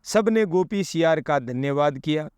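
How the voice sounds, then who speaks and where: A man narrating a children's story in a slow, measured reading voice. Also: fairly high pitch, expressive, a little mellow, clear, resonant tone, no echo.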